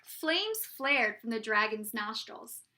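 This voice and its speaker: A teacher, a woman, shares a picture book with kids, reading it aloud and asking them questions. She uses a bright, high voice and a slow, dramatic storytelling style.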